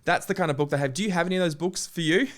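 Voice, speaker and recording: A man hosting a podcast interview, talking eagerly and quickly with some fillers. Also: fairly high pitch. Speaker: podcast host. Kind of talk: casual interview.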